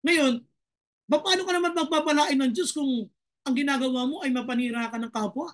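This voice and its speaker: High-voiced Filipino pastor preaching. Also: male voice, fairly bright tone. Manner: preaches in Taglish, reading Bible verses slowly, then pressing with rhetorical questions. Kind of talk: sermon.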